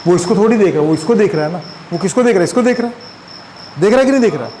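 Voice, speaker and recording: A man's voice: high voice, animated, rapid-fire, dark tone, poor audio. A man teaching a physics class, chatty and constantly quizzing his students. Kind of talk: classroom lecture.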